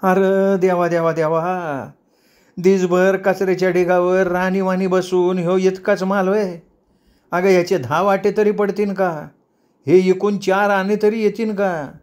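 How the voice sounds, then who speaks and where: Man putting on a shrill old slum woman, nagging. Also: little pitch movement, a little slow, a little mellow. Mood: scolding.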